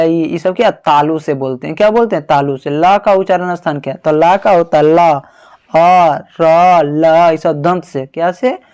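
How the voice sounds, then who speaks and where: Asking a question and then echoing the answer, a man runs an exam-prep grammar lesson, addressing the student as "babu" and breaking words into syllables. His pitch is fairly high, with a smooth, slightly mellow quality.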